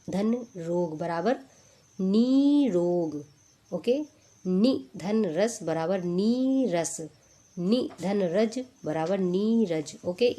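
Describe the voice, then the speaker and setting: A woman works through a spelling lesson at an unhurried pace, saying each word again and again so it sticks. Her voice is soft and mellow, and she explains each point with patient, step-by-step care. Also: mid-range voice. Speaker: teacher. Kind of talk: exam-prep spelling lesson.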